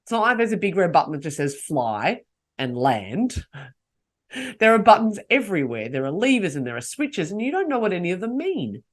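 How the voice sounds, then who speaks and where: A woman's voice: lowish voice, sing-song, a little fast. A woman hosting a solo podcast, coaching her listeners and asking them rhetorical questions. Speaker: podcast host.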